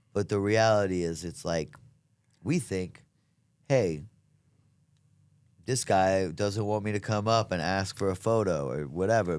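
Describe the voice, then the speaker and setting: Here the comedian's voice sits low with a darkish tone, captured in a dry recording. A guest in a casual interview, the south Louisiana native talks earnestly and emphatically, leaning on plenty of slang.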